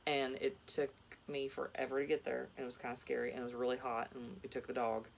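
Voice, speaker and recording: A woman's voice: a bass voice, flat delivery, quick pace, gravelly, slight background noise. A tired woman in her thirties, a teacher co-hosting a casual chat show, rambling chattily through her stories. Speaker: teacher and podcast co-host.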